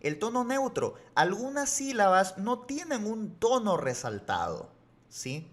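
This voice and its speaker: A man teaching a language lesson on video, explaining rules patiently and reassuring his viewers as he repeats examples slowly. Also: high voice, huge pitch swings. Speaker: Mandarin teacher.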